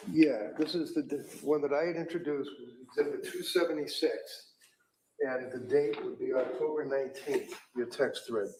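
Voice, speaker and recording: A male defense attorney questions a witness, pausing and restarting with frequent ums. His voice sits at an average pitch. The courtroom audio is roomy and echoey, with a faint noise underneath. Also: a little mellow. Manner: halting, many ums and restarts.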